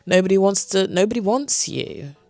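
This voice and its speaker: A young woman with a London-and-Kent accent, chatting straight to her camera in a casual Q and A vlog. She talks candidly and keeps breaking off into little asides. Her voice is at a middle pitch and sounds close and dry, with no room echo. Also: lively intonation, normal speed, a little mellow, soft background music. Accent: London and Kent mix. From South London, England. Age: 20s. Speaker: vlogger. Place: her bedroom, sitting on a beanbag chair. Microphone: camera in front of her.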